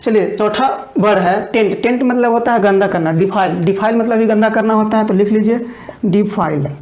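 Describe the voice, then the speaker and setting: A woman teaching English vocabulary in an online exam-prep lesson, explaining each word and then dictating it slowly with repetitions. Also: mid-range voice, a little mellow, reverberant.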